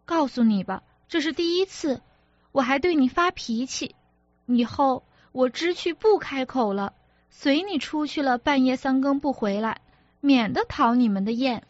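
Brief: woman reader doing a petulant young wife, sharp-tongued and hurt, slow and high, audiobook character voice. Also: dry recording, lo-fi sound. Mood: reproachful. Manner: reproachful, sulky, sharp-tongued.

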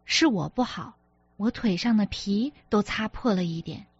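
A woman's voice: mid-range voice, moderate pace, slightly rough, no echo, dull audio. A woman reader voicing an apologetic, exasperated young husband who pleads and defends himself, as an audiobook character. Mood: placating.

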